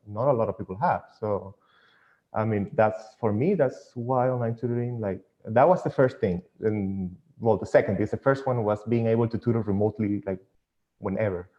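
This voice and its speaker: A man's voice: fairly low pitch, dark tone. A man with a Venezuelan accent speaking casually and a little hesitantly as a tutor in an interview over an internet call. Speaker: online physics tutor. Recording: dull lo-fi internet call audio.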